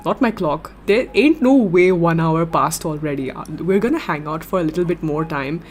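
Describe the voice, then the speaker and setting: A young woman streamer chats casually with her audience, reading their comments aloud. She giggles constantly and gushes with excitement. Her voice sits a little low for a woman. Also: moderate pace, a little hiss or hum. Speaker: livestreamer. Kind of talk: casual livestream chat reading viewer comments.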